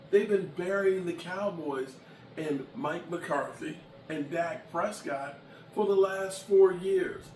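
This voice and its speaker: A man's voice: sits high, darkish tone. A man in his late fifties chatting bluntly and emphatically as a sports vlogger, shifting from annoyed to heartfelt. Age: 50s. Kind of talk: casual chat to camera. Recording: echoey room from a distance with background noise.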